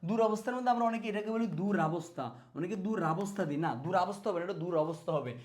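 An energetic male teacher with a Bangladeshi Bengali accent, talking quickly and in a high voice. He drills spellings by repeating them and keeps asking questions that he answers himself. He is recorded on a close mic. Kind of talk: spelling lesson for exam students.

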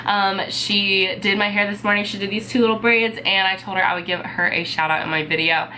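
A young woman with a medium-pitched, steady voice speaks briskly, sounding bright and forceful despite being sick and congested. She chats casually to camera as a beauty vlogger in her bedroom, peppering her talk with "um" and "like." The rough recording carries a slight hiss or hum.

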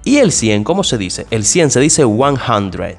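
A male English teacher with a lively, rising and falling voice, talking directly to his listeners. He asks questions and answers them himself, and says each example word lower and softer. Faint music plays under him. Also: measured pace. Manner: addresses listeners directly and informally. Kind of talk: spoken language lesson.

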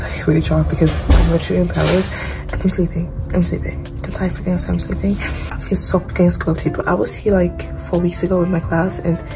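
A woman's voice: medium pitch, creaky, rough recording. Young woman vlogger, tired morning voice, casual and self-mocking, phone held at arm's length, music under it. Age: young adult. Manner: chatty, swears casually, self-deprecating. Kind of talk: casual vlog chat. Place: bedroom at home, indoors.

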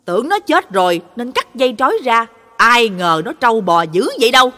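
A woman's voice: low voice, animated, normal speed, a little mellow, pitched below the performer's own voice. A woman voicing a short-tempered middle-aged male dog butcher who answers with an irritable drawl, in a reverberant audio story.

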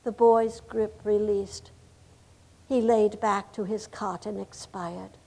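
A high-voiced, earnest 1860s lady, the wife of a governor, played by an actress in a live reenactment, recounts her cause in solemn, impassioned oratory. She speaks slowly and deliberately, stressing each grim detail. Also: fairly bright tone, exaggerated voice. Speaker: historical reenactor. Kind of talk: first-person historical monologue.

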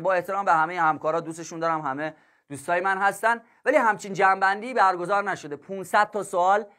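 A man's voice: fairly high pitch, sharp tone. A male math teacher chatting casually with his students on a livestream, joking and laughing and calling them kids and dear ones. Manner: chatty, jokes and laughs with viewers.

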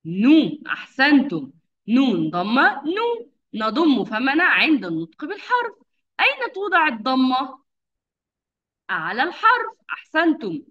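Leading young kids through a lesson, this kindergarten teacher speaks in a high, highly lively voice and offers frequent praise. She enunciates patiently, stretching each syllable slowly, while the sound comes through dull and lo-fi as if over a video call.

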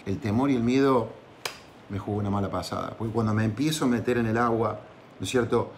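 A man's voice: on the low side, fast talker, a little hiss or hum. A man with an Argentine accent telling a personal story as motivational advice, chatty, often checking in with tag questions and restarting phrases. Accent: Argentine Spanish. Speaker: entrepreneurship podcaster.

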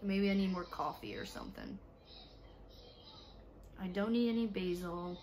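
A young woman with a raspy, stuffy voice from allergies, chatting casually to viewers in a home vlog, tired. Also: medium pitch, a little slow, darkish tone, slight background noise. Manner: chatty, talks to viewers while ordering online. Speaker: vlogger, mother. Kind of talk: casual day-in-the-life vlog. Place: home, indoors.

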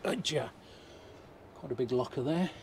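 Inside a motorhome on an indoor trade show floor, a male vlogger with a medium pitch and some vocal fry chats at normal speed, thinking out loud and offering mild remarks during a casual walkaround. His handheld camera mic picks up the busy, noisy hall around him.

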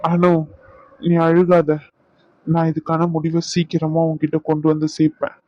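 A man voicing a young husband in a cartoon, speaking softly and reassuringly. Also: on the high side, monotone, moderate pace, dry recording, muffled recording, lightly acted. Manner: soft, reassuring. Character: young husband, gentle and remorseful.

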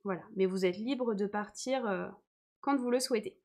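A woman's voice: medium pitch, moderate pace, darkish tone. A young woman teacher giving a live online lesson, explaining patiently and often checking that her viewers follow.

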